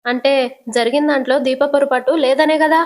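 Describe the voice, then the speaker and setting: A woman narrating a spoken storybook retelling takes on the role of a stern, commanding middle-aged father, pitching her voice a little above her normal range. He pushes his questions hard and won't back down. Her tone stays steady, the pace is fairly quick, and the voice sounds natural.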